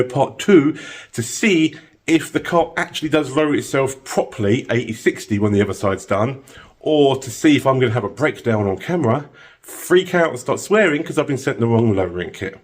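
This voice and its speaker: A man vlogging while working on his car in a home garage workshop, exasperated and swearing when things go wrong, a bit out of breath. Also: medium pitch. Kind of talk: casual workshop vlog.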